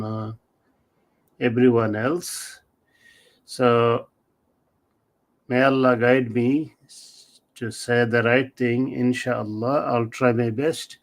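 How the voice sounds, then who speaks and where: A middle-aged man answers interview questions. His pitch sits in an ordinary middle range. He speaks very slowly, in a measured and halting way, and often pauses on fillers. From Bangladesh. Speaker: author and marriage celebrant, interview guest.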